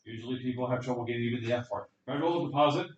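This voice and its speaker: A man's voice: mid-range voice, rapid-fire, highs cut off. A male economics lecturer teaching a class, acting out little scenes and putting questions to his students. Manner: lively storytelling, acts out scenes, asks students questions. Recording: echoey classroom, voice from far off.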